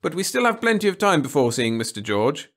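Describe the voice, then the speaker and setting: Here a man voices that same fussy, self-satisfied schoolmistress for a storybook reading, his pitch raised and on the high side. His delivery is brisk and fairly bright, swinging widely in pitch as he scolds in a firm, prim manner.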